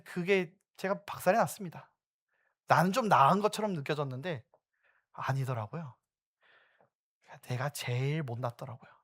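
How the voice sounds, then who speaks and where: A young man, a youth pastor, preaching a sermon that moves from storytelling to loud, urgent exhortation. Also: fairly high pitch, normal speed, long pauses.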